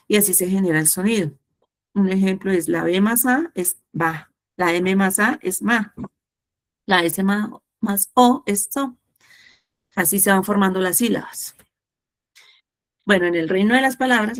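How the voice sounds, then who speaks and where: A woman teaching an online class over a video call, her voice sitting at an ordinary middle pitch. She explains step by step and turns the lesson into a little storybook tale, listing examples one by one for her students. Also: creaky. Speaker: Spanish teacher.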